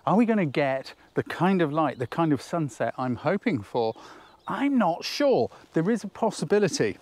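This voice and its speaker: A man's voice: on the high side, sing-song, normal speed, a little mellow. A man giving an enthusiastic, chatty photography lesson outdoors on a countryside hillside, thinking aloud as he works. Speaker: photography tutor. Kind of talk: instructional outdoor vlog.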